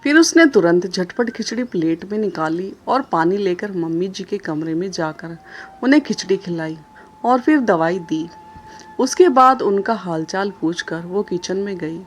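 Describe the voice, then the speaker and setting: Calm woman storyteller. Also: medium pitch, unhurried, slight background noise. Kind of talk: scripted story narration.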